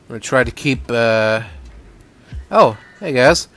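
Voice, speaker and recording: Man, let's play commentary, slow pace, animated pitch, chatty, casual swearing. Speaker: gaming YouTuber.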